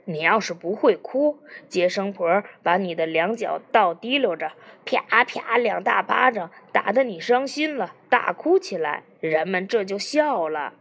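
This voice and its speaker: A woman's voice: medium pitch, lively intonation, a little slow, few pauses. A woman reading the part of a cheeky, joking man with a folksy, teasing way of talking. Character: joking, cheeky middle-aged man in therapy. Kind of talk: audiobook character reading.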